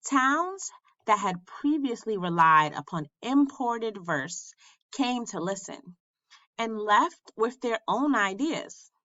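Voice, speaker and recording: Slow, expressive woman reading a story. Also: on the high side, highs cut off. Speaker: teacher reading aloud. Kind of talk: storybook read-aloud.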